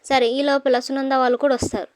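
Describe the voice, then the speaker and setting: Brisk female recapper with a bright high voice, racing through the plot in a dry close recording. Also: level tone, dry recording. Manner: rapid storytelling, quoting characters' lines. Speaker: serial recap narrator. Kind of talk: retelling a TV serial episode.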